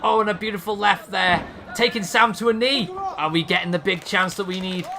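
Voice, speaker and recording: A man calling wrestling moves in steady play-by-play commentary. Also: high-pitched, a little fast. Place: wrestling event with live crowd. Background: crowd noise.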